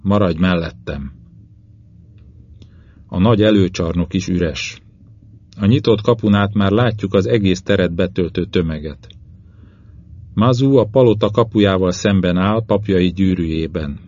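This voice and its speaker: A man narrating a first-person novel as an audiobook reader, measured and steady. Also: sits low, highs cut off.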